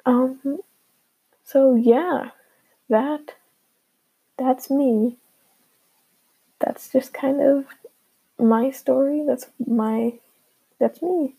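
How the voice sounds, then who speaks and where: A teenage girl chatting casually and hesitantly as a beginner solo podcast host, with lots of filler words, recorded on a low-quality earbud microphone. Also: fairly even intonation, drawn-out words, creaky, pauses often, mellow, husky. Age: teenager, fifteen. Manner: informal, hesitant, heavy filler "like".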